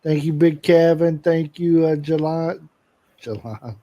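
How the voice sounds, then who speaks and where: A man co-hosting a relaxed live stream, with a slightly raised pitch. His voice is mellow and warm. He chats loosely and often pauses on "uh". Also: dry recording, highs cut off. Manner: chatty, shouts out viewers, many "uh" fillers. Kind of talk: casual live-stream chat.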